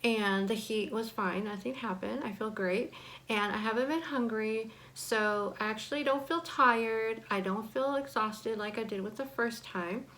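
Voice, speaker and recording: A woman's voice: fairly high pitch, a little slow, a bit bright, poor audio. A woman in her forties chatting casually and candidly as a vlogger, her speech slightly impeded by braces and bite blocks. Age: 40s. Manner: candid, personal sharing. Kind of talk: casual chat to camera.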